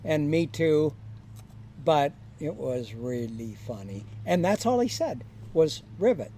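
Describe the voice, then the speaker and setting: Older man, high voice, slow anecdotes. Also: sing-song, warm tone, slight background noise. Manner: chuckling anecdotal storyteller, acts out quoted lines. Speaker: guest, former high school counselor. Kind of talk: storytelling in casual podcast chat.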